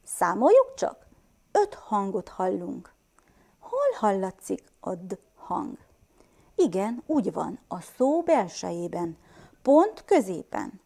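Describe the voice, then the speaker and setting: Patient lively woman teaching young children. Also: mid-range voice. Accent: Transylvanian Hungarian. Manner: patient, sounds out words slowly and clearly, asks children questions. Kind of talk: first-grade reading lesson for children.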